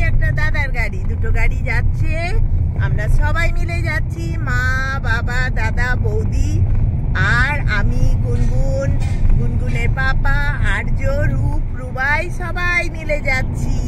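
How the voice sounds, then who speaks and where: A chatty woman in her thirties with a high voice, talking straight to her viewers on a phone camera. She points out her family as they ride along, and steady car and road noise runs clearly under her voice. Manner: chatty, addresses viewers directly, points things out. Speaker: vlogger and mother. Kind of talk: casual family travel vlog.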